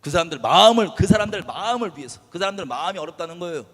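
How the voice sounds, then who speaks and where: Impassioned high-voiced male preacher in a hall. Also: animated, very fast. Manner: impassioned, shifting between soft low asides and loud bursts. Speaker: pastor. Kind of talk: sermon.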